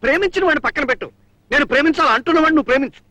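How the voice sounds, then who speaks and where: High-voiced scheming rich dad, fast and bright, film score underneath. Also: male voice, no room sound. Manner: comic, repeats a pet word, wheedling. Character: scheming, blustering rich man, middle-aged father. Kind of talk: 1970s Telugu film acting.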